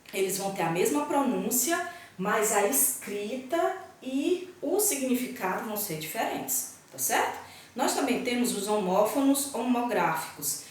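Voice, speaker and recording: A woman's voice: mid-range voice, heavy reverb. Brazilian Portuguese woman, patient teacher, keeps checking students follow; distant mic, faint room hum. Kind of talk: grammar lesson to students.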